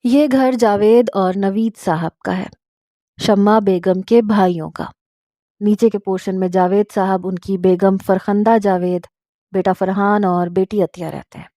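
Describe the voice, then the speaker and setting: A woman narrating a family story in a calm, even way. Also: medium pitch, a little slow, no room sound, studio quality.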